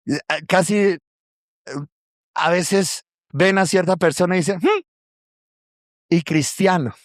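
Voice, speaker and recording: A man's voice: sits high, measured pace, no room sound, studio quality. A man preaching a sermon to his church, telling stories and acting out what people said. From Colombia. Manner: animated storytelling with acted quotes, addresses congregation as brothers. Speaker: pastor.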